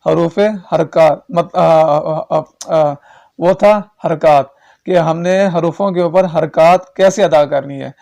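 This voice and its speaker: A man with a Pakistani Urdu accent teaching Quran reading, slowly chanting drawn-out syllables and then explaining quickly while checking in with the learner. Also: a little high, steady tone, creaky, darkish tone. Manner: checks in with repeated questions to the learner. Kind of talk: recorded tajweed lesson.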